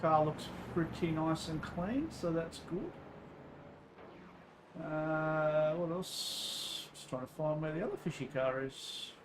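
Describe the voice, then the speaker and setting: Taking his time in a slightly high voice, an Australian man commentates his online endurance sim race for a livestream, relaxed and blokey. Some background noise can be heard.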